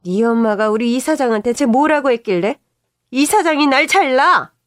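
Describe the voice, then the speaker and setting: A woman's voice: high-pitched, lively intonation, normal speed, no echo, studio quality, pitched above the performer's own voice. A woman doing a furious older mother-in-law. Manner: yelling, accusing.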